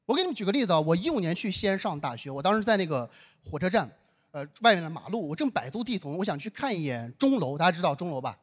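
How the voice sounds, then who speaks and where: A young man from northern China telling a stand-up comedy story, acting out the dialogue with lively delivery. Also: high voice, fast talker, husky.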